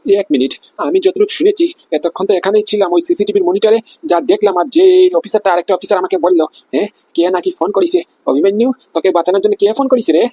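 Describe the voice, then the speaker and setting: A man voicing a boastful, threatening male crime boss in a cartoon comedy, with a husky, gravelly voice. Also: high voice, sing-song, racing, warm tone, no room sound, exaggerated voice. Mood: interrogating. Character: menacing male crime boss, older brother.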